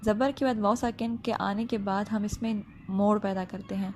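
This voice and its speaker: A woman's voice: medium pitch, fairly even intonation, a little mellow, slight background noise. Patient woman teaching Quran recitation. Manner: slow drawn-out recitation, then plain step-by-step explaining; patient, often checks with the listener. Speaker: tajweed teacher.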